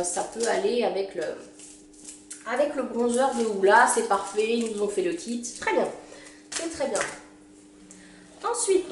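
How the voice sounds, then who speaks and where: A woman's voice: fairly high pitch, roomy sound. Woman, beauty vlogger, chatty and rambling, faint hum in the room. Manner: chatty, many fillers and self-corrections. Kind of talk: casual unboxing review.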